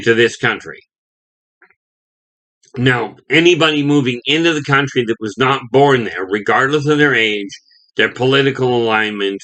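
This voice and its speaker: A man's voice: mid-range voice, sharp tone, rough recording. A man from Canada giving a rambling opinion monologue as a video host, often restarting and saying "okay".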